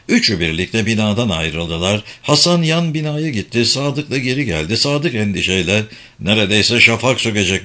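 A man reading a novel as an audiobook narrator, steady and measured. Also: fairly low pitch. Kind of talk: scripted narration.

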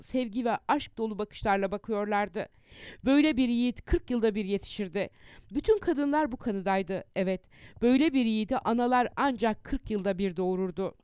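A woman narrates a historical account in a measured audiobook manner, lifting her emphasis when quoting speeches. Her voice is smooth and clear and sits a little high. The recording is dry and close. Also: darkish tone, no room sound. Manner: measured storytelling, quotes read with rising emphasis.

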